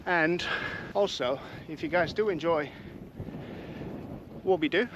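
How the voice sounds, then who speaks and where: A man's voice: fairly high pitch, takes it slowly, lo-fi sound, background noise. A man with an English accent chatting casually to camera while hiking outdoors on hilly trails. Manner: chatty, friendly, talks while walking uphill. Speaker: hiking vlogger. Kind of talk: casual walking vlog chat to camera. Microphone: camera mic while walking.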